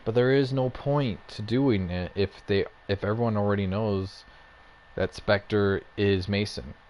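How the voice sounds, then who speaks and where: A young man with a fairly low voice rants about a game, rambling and getting fired up, tripping over his words as he goes. He talks into a gaming headset at home, with a faint hiss behind him. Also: steady tone, measured pace, darkish tone. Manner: rambling, fired up, frequent fillers and restarts. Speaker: gaming YouTuber. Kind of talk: casual ranting commentary.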